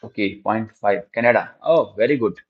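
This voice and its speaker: A man's voice: lowish voice, moderate pace. A man with an Indian accent teaching a live online physics lesson, often repeating phrases and questions and addressing his students in a familiar way. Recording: dull, lo-fi microphone sound.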